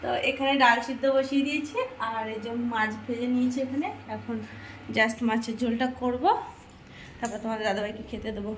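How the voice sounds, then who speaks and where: A woman's voice: on the high side, steady tone, a little fast, a little hiss or hum. A woman from India chatting casually to her viewers in a home vlog from her kitchen, talking straight to them with plenty of "I mean.". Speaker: daily vlogger.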